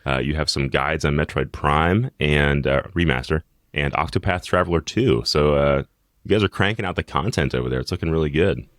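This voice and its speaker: A man's voice: extremely low pitch, fairly quick, fairly bright tone, dry recording, clean studio sound. A man co-hosting a podcast, chatting casually and in a friendly way with his co-host. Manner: friendly, chatty, many fillers.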